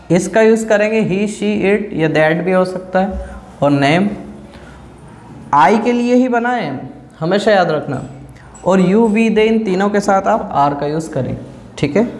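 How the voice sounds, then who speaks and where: A man's voice: high voice, darkish tone. A man teaching an English grammar lesson at a board, often checking in with "ठीक है?" and asking questions he then answers himself. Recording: echoey room.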